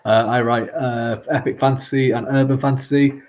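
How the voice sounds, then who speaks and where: A man's voice: mid-range voice, fairly even intonation, normal speed, darkish tone. A man of about forty with a west of Ireland accent, chatting casually as an author on a panel. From Galway, Ireland. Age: 40s.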